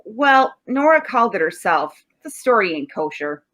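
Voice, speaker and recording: Woman as animated, sardonic police sergeant Guffey. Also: medium pitch, normal speed. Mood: suspicious. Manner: sardonic, interrogating. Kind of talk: 1940s radio drama acting.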